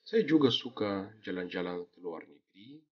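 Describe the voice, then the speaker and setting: Deep, husky foreign-accented male Indonesian learner. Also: expressive, normal speed. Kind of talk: prepared testimonial. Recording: slightly dull, lo-fi audio.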